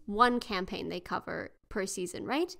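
Woman, New Zealand accent, co-host; relaxed, curious, mid-pitched. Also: a little slow, vocal fry. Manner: relaxed, curious, asks questions. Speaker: podcast co-host. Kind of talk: casual chat.

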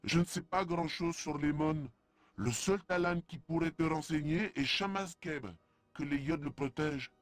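An actor playing a humble, earnest alien apprentice priest in a video game, deferential and apologetic. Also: male voice, on the high side, measured pace, no room sound, natural voice. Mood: worried. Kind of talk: French video game dub acting.

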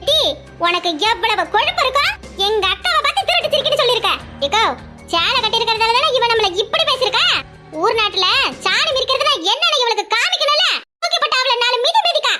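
A woman voicing a fiery village woman friend in a cartoon, loud and egging others on. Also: extremely high pitch, big pitch swings, fast talker, over loud music. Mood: riled up. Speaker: cartoon character.

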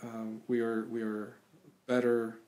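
A man in his thirties, born in Cuba, answering interview questions thoughtfully over a video call from a small room at home, with frequent pauses and restarts. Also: medium pitch, monotone, a little mellow. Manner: thoughtful, halting, many restarts and fillers. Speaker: guest musician. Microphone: webcam on video call.

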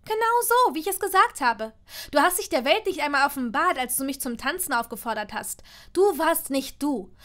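A fiery young witch pushes every phrase hard, raising her bright, high voice with strong emphasis, as a woman reading an audiobook plays her. She sounds proud and stubborn. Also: animated, moderate pace. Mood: furious. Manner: loud, heated, emphatic. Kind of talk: audiobook reading of fan fiction.

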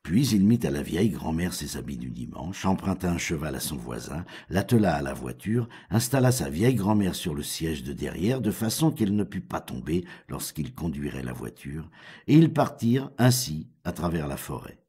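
A man reading a fairy tale aloud, expressive and animated. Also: rumbling low, normal speed, breathy edge. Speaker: storyteller.

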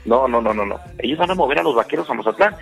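A man's voice: medium pitch, animated, rapid-fire, gravelly, a bit bright, slightly rough, soft background music. A man with a Mexican accent, a panelist in a heated baseball debate, pushing the others with teasing yes-or-no questions. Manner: pushy, teasing, demands yes-or-no answers.

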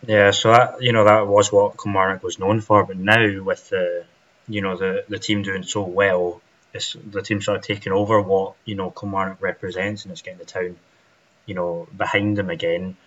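A man's voice: deep voice, little pitch movement, normal speed, a bit bright, muffled recording. A man hosting a casual interview, agreeable and sprinkling his talk with "you know". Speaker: podcast host.

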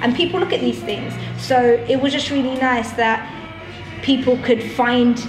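A young actress, chatting casually in an interview and filling her talk with "um" and "like." Her voice sits a little high, in a roomy space with music playing clearly underneath. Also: steady tone, normal speed. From born in Zambia, raised in Northwest London. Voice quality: chatty, lots of fillers like um and like.

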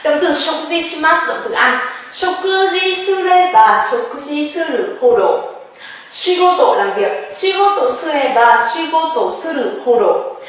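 High-voiced woman teaching in an echoey room. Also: animated, distant mic. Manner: drills words slowly, asks the class questions often. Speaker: Japanese language teacher. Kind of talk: grammar lesson.

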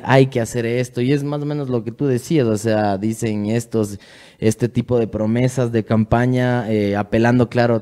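A man's voice: fairly low pitch, mellow. A man with an Ecuadorian Spanish accent co-hosting a podcast, reading numbered points and then commenting loosely. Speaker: podcast co-host. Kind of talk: casual discussion, reading points aloud.

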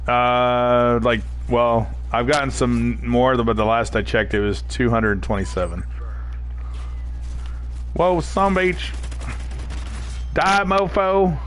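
This New England streamer speaks slowly in a mid-range voice, pausing often as he plays a shooting game. He rambles in a relaxed way and reads out what his viewers type in chat.

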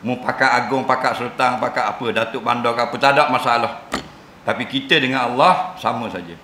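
A man's voice: medium pitch, fairly quick, pushed and bright, a little hiss or hum. A man giving a jokey mosque lecture, often asking the audience if they understand. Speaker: religious lecturer. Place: mosque hall. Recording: roomy mosque hall sound.

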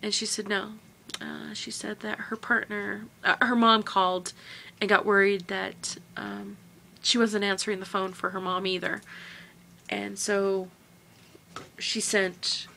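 A woman vlogger telling a personal memory to camera, halting and emotional, often trailing off quietly. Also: medium pitch, little pitch movement, creaky, slight background noise.

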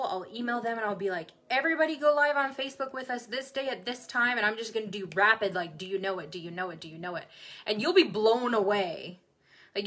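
Woman, nursing exam tutor, bubbly live-stream host, bright forward tone. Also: medium pitch. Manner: bubbly, excitable, talks to viewers. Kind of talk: Facebook Live chat answering comments. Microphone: phone or webcam, livestream.

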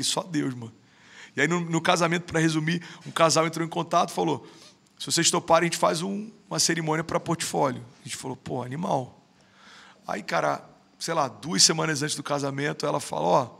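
Fast-talking gravelly Brazilian man. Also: fairly high pitch, fairly bright tone. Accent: Brazilian Portuguese. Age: 30s. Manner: slangy, emphatic, keeps saying "mano". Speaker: podcast guest. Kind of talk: casual storytelling chat.

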